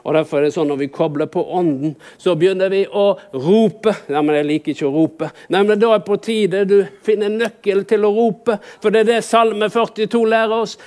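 A man's voice: high voice, fairly even intonation, few pauses, a little mellow. A man preaching a sermon in a conversational way, with many rhetorical questions and rises for emphasis.

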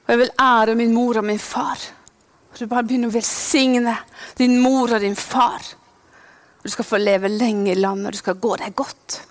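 Impassioned high-voiced woman preacher. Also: steady tone. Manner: impassioned, swings between hushed whispers and loud proclaiming. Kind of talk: sermon.

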